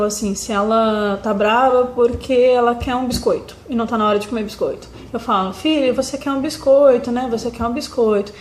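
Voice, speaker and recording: A young woman with a Brazilian accent talks through her parenting experience in a gentle, reflective way. Her voice sits a little high. She often pauses with fillers and restarts. The sound carries a noticeable room echo. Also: slight background noise. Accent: Brazilian Portuguese. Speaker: mother sharing parenting advice. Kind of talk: casual talk to camera. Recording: echoey room.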